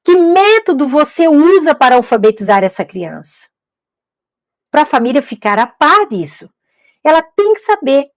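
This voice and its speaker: A woman's voice: high voice, sing-song, moderate pace, dry recording. A middle-aged woman, giving an instructional talk to teachers, emphatic and repeating key points with rhetorical questions. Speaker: educator teaching literacy teachers.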